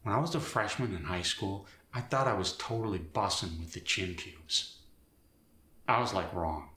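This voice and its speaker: A man's voice: deep voice, normal speed, bright, forceful tone. A man playing a young, chill, dim nineties slacker with a Valley guy accent, drawling in valley-girl style with rising sentence ends and lots of "like" and "dude", as a comic demonstration. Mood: slangy, breezy. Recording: roomy echo.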